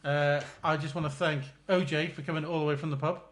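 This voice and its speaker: A man with an English accent hosts a casual podcast. His voice sits a little high. He fires off light quiz questions and keeps breaking into laughter. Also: fairly even intonation. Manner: jokey, laughs often, asks quick-fire questions. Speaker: podcast co-host. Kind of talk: casual chat.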